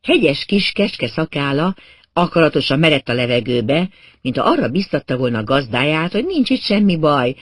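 A man narrating a story aloud in an expressive, wry storytelling manner. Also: fairly high pitch, dry recording, clean studio sound. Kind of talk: audiobook reading of a crime novel.

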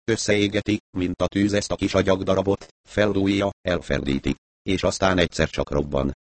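A composed male investigator, voiced by a man reading the book, presses his questions in a measured, reasoning way. The voice sits deep and the recording is close and dry, with no room around it. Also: steady tone, no echo, lightly acted. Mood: probing. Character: male investigator, calm, probing, philosophical.

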